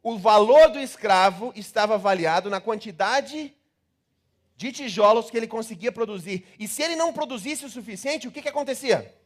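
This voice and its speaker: Animated Brazilian pastor preaching, high voice. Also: male voice, moderate pace. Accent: Brazilian Portuguese. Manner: animated, theatrical, acts out scenes and repeats words rhythmically. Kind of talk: sermon.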